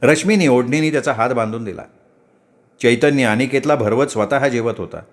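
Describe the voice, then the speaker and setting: A man's voice: mid-range voice, normal speed. Man telling a dramatic story. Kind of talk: Marathi story narration.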